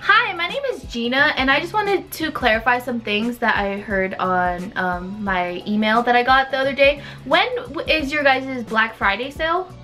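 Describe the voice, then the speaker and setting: A woman's voice: high-pitched, lively intonation, moderate pace, hardly any pauses, pushed and bright, soft background music. A woman in her twenties making a casual prank phone call, asking naive questions persistently. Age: 20s. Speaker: prank caller in a video. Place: small indoor room.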